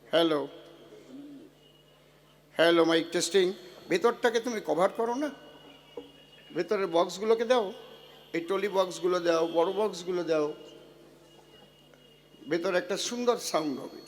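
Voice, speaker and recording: A man's voice: high voice, normal speed, long pauses. An older man, a devotional singer, doing a stage sound check and giving the crew bossy running orders into a handheld mic.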